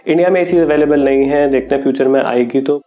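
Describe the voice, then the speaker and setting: A young man with a chatty, relaxed manner, casually explaining phone features in a vlog and thinking aloud as he goes. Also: medium pitch, fast. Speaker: tech YouTuber. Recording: dull lo-fi audio.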